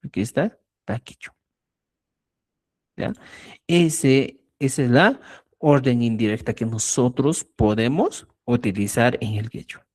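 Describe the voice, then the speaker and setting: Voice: medium pitch, takes it slowly, long pauses, darkish tone. A language teacher giving an online lesson, explaining with everyday examples and checking often that the class is following. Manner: keeps checking understanding with "¿ya?". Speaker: Quechua teacher.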